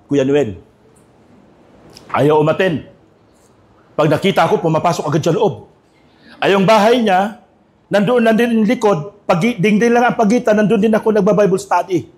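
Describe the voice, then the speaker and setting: A male pastor preaching a sermon, telling stories and calling out to the congregation for responses. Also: on the high side. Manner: animated, calls out to the congregation for responses. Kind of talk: sermon with storytelling.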